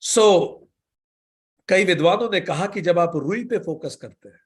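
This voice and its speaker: A man gives a spiritual lecture as a yoga teacher, in a fairly high voice. He guides listeners with questions and stories. He recites the sutras slowly and deliberately. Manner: slow, measured recitation of sutras.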